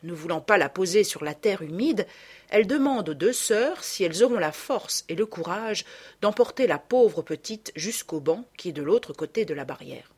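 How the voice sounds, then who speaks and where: A woman narrating a classic children's storybook in a measured, expressive reading. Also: on the low side, slightly rough. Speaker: audiobook reader.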